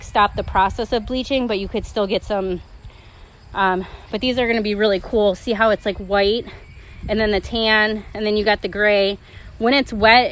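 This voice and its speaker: A woman's voice: mid-range voice, fairly bright tone, slight background noise, low-quality recording. Chatty young woman demonstrating crafts outdoors. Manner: chatty, rambling, many fillers. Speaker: crafting tutorial host. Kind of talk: casual live-stream demonstration. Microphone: phone.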